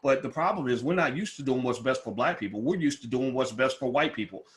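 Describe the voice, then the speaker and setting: A man's voice: medium pitch, expressive, fast. A man hosting a casual live question-and-answer stream, blunt and opinionated with some swearing, his speech slightly impeded as if by something in his mouth. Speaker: livestream host. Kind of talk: casual livestream Q&A.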